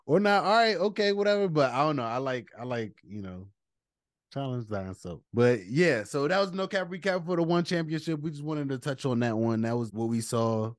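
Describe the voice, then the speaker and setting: A man's voice: medium pitch, normal speed, dry recording, clean studio sound. A man co-hosting a casual sports podcast, laid-back and playful, with loose slangy talk. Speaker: podcast co-host.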